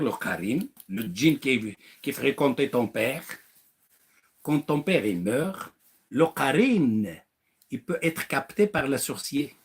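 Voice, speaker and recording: A man's voice: mid-range voice, breathy edge. A man preaching to listeners in French, acting out little dialogues, firing rhetorical questions and mocking now and then. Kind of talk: animated religious talk.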